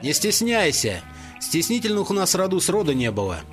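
A man's voice: high-pitched, very animated, moderate pace, soft background music, pitched above the performer's own voice. A man voicing a good-natured father who teases his sons in an audiobook. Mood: teasing. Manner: hearty, teasing. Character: good-natured joking father of two boys.

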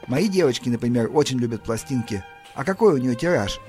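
A man's voice: mid-range voice, animated, a little fast, darkish tone, faint music behind, close to an everyday voice. A man reading the part of a well-meaning, chatty woman guest in an audiobook. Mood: approving. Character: kindly, chatty middle-aged woman guest.

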